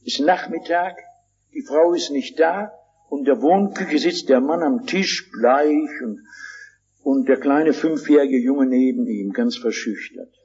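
An older man preaching a sermon, telling stories and slowing down with rising emphasis on key phrases. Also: mid-range voice, a little mellow, husky, dull audio. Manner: storytelling, acts out voices.

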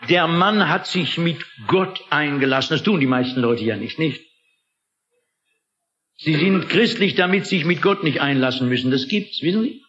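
A man's voice: fairly high pitch, expressive, normal speed, fairly bright tone. A man preaching a sermon in an emphatic, dramatic manner, often asking the listeners rhetorical questions. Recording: echoey, dull lo-fi recording.

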